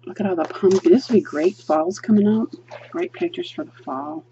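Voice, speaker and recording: A woman sits at an indoor table flipping through a coloring book, her hands in view, reviewing it with chatty enthusiasm and plenty of ums as she thinks aloud. Her mid-range, dark-toned voice swings widely in pitch at a normal speed, and the muffled recording carries a little hiss or hum.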